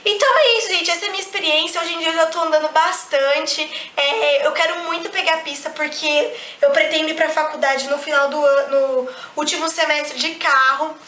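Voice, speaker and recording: A young woman with a Brazilian accent, chatting animatedly as a vlogger, telling a personal story with many restarts. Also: high voice. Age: young adult. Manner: animated, quick restarts, acts out quoted lines. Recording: echoey room.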